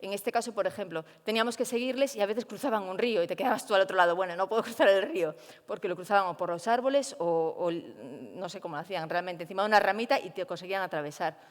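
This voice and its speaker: A woman's voice: medium pitch, quick pace, long reverb tail. A young woman tells her own story in an interview, acting out her inner thoughts as she goes. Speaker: primatologist guest.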